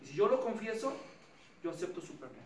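Man preaching a sermon, casual and self-deprecating, questions for the room, high register, echoey distant sound. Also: sing-song, fast, a little hiss or hum. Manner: conversational, self-deprecating, asks the audience questions. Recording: echoey hall, distant mic, faint ambience.

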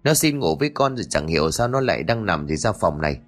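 A man's voice: sits low, big pitch swings, fast, faint music behind, pitched below the performer's own voice. A man voicing an uneasy young adult son who speaks hesitantly. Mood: pleading. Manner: hesitant, stammering.

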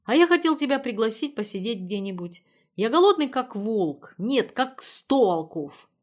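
A woman's voice: on the high side, sing-song, moderate pace, voice pushed up. Woman voicing a friendly young man. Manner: cautious, friendly.

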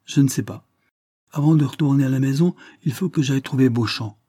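A man voicing a composed, kindly gentleman lawyer in a storybook reading, with measured, polite delivery. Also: mid-range voice, dry recording, studio quality, voice pushed up, close to an everyday voice. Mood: courteous.

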